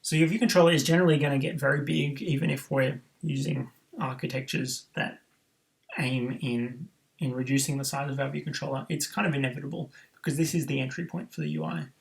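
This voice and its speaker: A man's voice: medium pitch, fairly even intonation, fairly quick, creaky, low-quality recording. A man teaching a coding tutorial, thinking aloud with frequent ums and self-corrections. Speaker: programming tutor. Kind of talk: screen-recorded coding tutorial.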